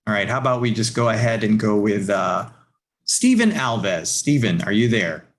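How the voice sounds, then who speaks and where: A man's voice: fairly low pitch, animated, normal speed. A man hosting an online panel, courteously greeting and introducing participants. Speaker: panel host. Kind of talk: webinar moderating.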